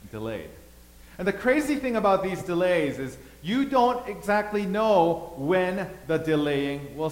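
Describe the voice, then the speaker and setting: A man who grew up in Thailand, preaching a sermon as pastor, swinging between loud emphasis and quiet asides. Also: a little high. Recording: echoey hall, faint hum.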